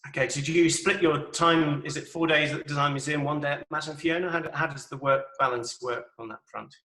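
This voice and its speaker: A man's voice: on the high side, fairly even intonation, fairly quick, pushed and bright. A man hosting an online panel, chatting informally and teasingly as he introduces and questions guests. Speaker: host and moderator of an online panel. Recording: roomy echo on a video call.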